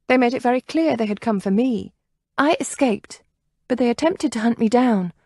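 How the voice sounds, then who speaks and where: A woman's voice: a little high, animated, moderate pace, warm tone, dry recording, clean studio sound, voice pushed up. A woman voicing a frightened but composed young noblewoman, speaking in a raised, earnest voice. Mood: distressed.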